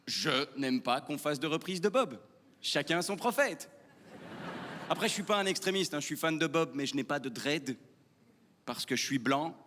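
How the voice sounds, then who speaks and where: A young Belgian man with a Belgian French accent, doing a deadpan, provocative stand-up set and chatting with the audience. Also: fairly high pitch, normal speed, slight background noise. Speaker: stand-up comedian. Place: theatre stage before a live audience. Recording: live theatre hall with crowd.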